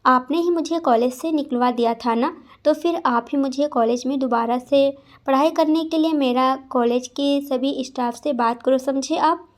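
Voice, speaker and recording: A woman's voice: sits high, normal speed, lightly acted. A woman voicing an angry, tearful young female student who argues and pleads. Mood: defiant. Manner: defiant, pleading.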